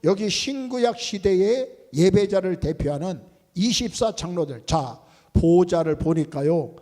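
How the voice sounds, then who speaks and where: A man preaching with a high, animated voice that rises and falls widely. His tone is mellow and dark, and he leans hard on key words, repeating them. The sound carries a long reverb from a large church sanctuary. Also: a little slow. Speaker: pastor. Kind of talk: sermon.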